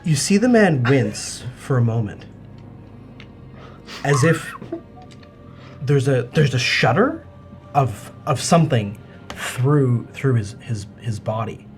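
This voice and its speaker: A man narrating a tabletop role-playing game as game master, in halting, improvised phrases. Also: mid-range voice, lively intonation, faint music behind.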